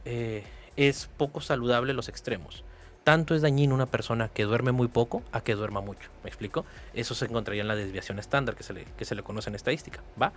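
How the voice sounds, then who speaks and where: Fast-talking Mexican man explaining. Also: medium pitch. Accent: northern Mexican. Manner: fast, explanatory, with tag questions. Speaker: psychotherapist guest. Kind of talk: explanatory interview talk.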